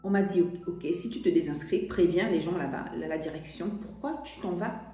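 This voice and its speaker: A woman's voice: lowish voice, moderate pace, warm tone, soft background music. A young French woman telling a personal story to camera, hesitant, with many restarts and fillers. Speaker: vlogger. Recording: very echoey room.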